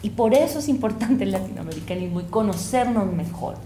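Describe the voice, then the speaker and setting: A woman from El Salvador and Colombia speaks as an interview guest, earnest and impassioned, reflecting aloud. Her voice is mellow and darkish, and the room around her is echoey, with a faint hiss behind. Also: medium pitch, expressive, fairly quick. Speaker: guest, university lecturer and researcher. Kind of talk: conversational interview.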